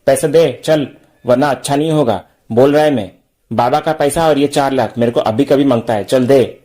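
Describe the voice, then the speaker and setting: A man's voice: medium pitch, moderate pace, warm tone, lightly acted. A man reading the lines of a hot-tempered young man who talks in blunt street slang, with little change from his own voice.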